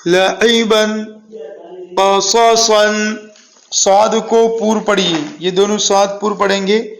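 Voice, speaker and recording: A patient male teacher with a fairly high voice leads a Quran reading lesson. He sounds out each letter slowly and clearly and has the listener repeat after him. He gives gentle praise between drills. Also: level tone, slight background noise. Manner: patient, drawing out syllables slowly, urging learners to repeat aloud; encouraging praise for learners.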